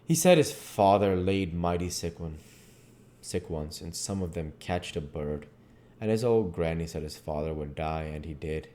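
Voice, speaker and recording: A man with a low, warm voice reads at a moderate pace as a storybook narrator and channel host. His style is folksy, with occasional stumbles, and background noise can be heard.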